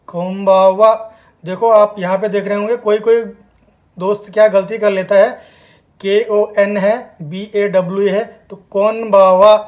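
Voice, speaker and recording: A man teaching a spoken language lesson, repeating words slowly and emphatically for learners to copy. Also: sits high, darkish tone. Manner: slow, emphatic repetition of words.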